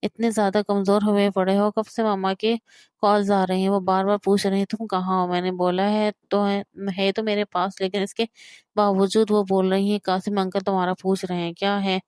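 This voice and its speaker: A woman's voice: mid-range voice, level tone, normal speed, a little mellow, smooth, dry recording, clean studio sound, lightly acted. A woman reading the part of a caring young man coaxing his feverish younger brother, in an affectionate tone.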